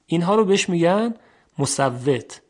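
A man with a somewhat high voice teaches a recorded language lesson. He speaks slowly and deliberately, pausing to stretch out sample vowel sounds so listeners can hear them clearly. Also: animated.

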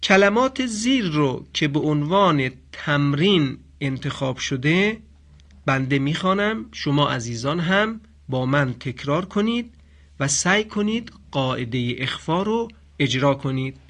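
Male tajweed teacher with a raised voice, patient and explanatory, chants examples slowly. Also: on the high side, lively intonation, a bit bright. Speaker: Quran recitation teacher. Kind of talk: radio-style tajweed lesson.

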